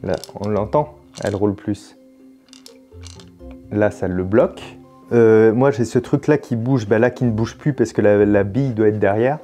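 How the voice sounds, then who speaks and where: A man's voice: on the low side, moderate pace, mellow, soft background music. A French man hosting a puzzle video, thinking aloud casually as he works, with jokes and mild swearing. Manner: casual, swears in surprise, jokey.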